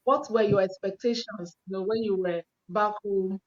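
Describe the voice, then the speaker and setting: A woman's voice: mid-range voice, fairly even intonation, normal speed. A woman hosting an online panel, introducing guests in an upbeat, encouraging way. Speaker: host. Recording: dull, lo-fi sound.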